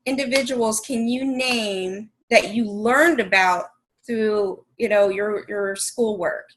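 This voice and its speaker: A woman talking thoughtfully on a podcast, slow and searching for words as she explains her point. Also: medium pitch, a bit bright, poor audio. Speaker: podcast co-host. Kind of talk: casual conversation.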